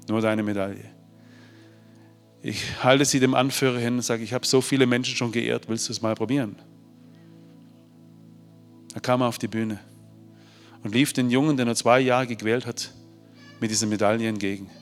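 A man tells a heartfelt story to a crowd, rising to loud bursts and then dropping to near-hushed tones. His voice rings with long hall reverb. Faint music plays underneath. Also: medium pitch, fairly even intonation, normal speed, pauses often. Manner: emotional, swings from loud to hushed. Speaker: speaker. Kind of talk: motivational storytelling talk. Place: large hall.

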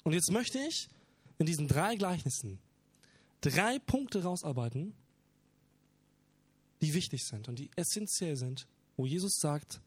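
A man's voice: fairly high pitch, big pitch swings, a little slow, long pauses, husky, dry recording. A man preaching a sermon, talking earnestly and with emphasis as he explains parables.

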